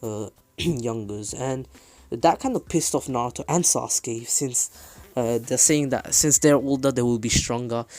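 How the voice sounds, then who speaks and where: A man casually retelling a fan story, halting with many fillers and self-corrections. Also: medium pitch, a little mellow.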